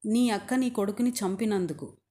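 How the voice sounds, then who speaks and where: A woman's voice: medium pitch, moderate pace, warm tone, natural voice. A woman voicing a mighty, gracious god. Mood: commanding. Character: the god Shiva, mighty and benevolent.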